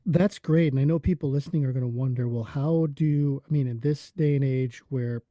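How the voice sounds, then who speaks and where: A man's voice: medium pitch, moderate pace, mellow, no room sound. A man hosting a business podcast, asking friendly, conversational questions. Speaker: podcast host.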